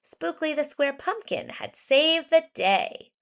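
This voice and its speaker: A woman with a high-sitting voice, a children's storybook reader and educator, reads a rhyming children's story aloud. She tells it in a deliberate, expressive way, emphasizing certain words.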